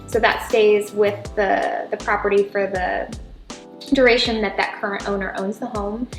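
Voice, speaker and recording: A middle-aged American woman speaks as an interview guest representing title insurance, her mid-range voice flat and moderately paced. She explains things in a chatty, informal way, often checking in with "right?" and sprinkling in "you know." The recording has a roomy echo with music playing behind her.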